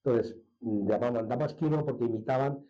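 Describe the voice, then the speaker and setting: Mellow-voiced Spanish swordsmith from La Mancha. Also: male voice, mid-range voice, muffled recording. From La Mancha, Spain. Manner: unhurried, explanatory, with hesitations and restarts. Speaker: master swordsmith guest. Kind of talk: conversational interview.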